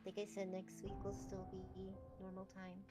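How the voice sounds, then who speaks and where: A woman running a tabletop game as game master, relaxed and teasing her players. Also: mid-range voice, normal speed. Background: background music.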